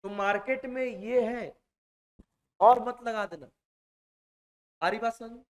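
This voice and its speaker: A male teacher lectures slowly in a classroom, drawing out each word. He goes over every point more than once and keeps stopping to ask whether the class understands. His delivery is patient and drilling. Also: very high-pitched. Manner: repeats each point and keeps checking that students follow. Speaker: Hindi exam-prep teacher.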